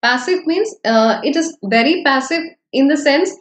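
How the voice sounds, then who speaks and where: A woman's voice: high voice, animated, moderate pace, echoey room. A woman teacher with an Indian English accent, giving an online exam-prep lecture, explaining step by step with many fillers and "okay" checks.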